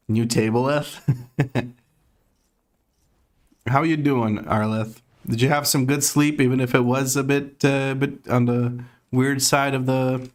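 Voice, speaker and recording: On a live gaming stream, a Croatian man with an American accent chats casually, reads chat aloud, laughs a lot and swears offhandedly. He has a mid-range voice.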